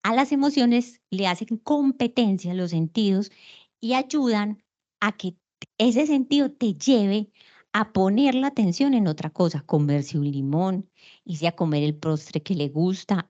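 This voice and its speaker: A woman's voice: mid-range voice, measured pace, a little mellow. Woman lecturer, explanatory, rhetorical questions, somewhat dull lo-fi recording. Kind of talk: online lecture on emotions.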